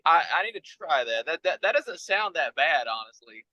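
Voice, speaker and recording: A man with a Southern American drawl chats as a podcast guest, laid-back and joking. His voice is bright and fairly high, and the sound is dry and close, with no room echo. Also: very animated, moderate pace, dull audio. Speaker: guest musician. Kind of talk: casual podcast chat. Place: inside a noisy RV.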